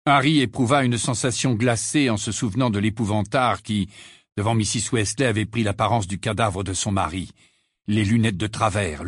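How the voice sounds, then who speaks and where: A man narrating an audiobook in an expressive, varied reading style. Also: mid-range voice, slightly rough, no room sound, clean studio sound.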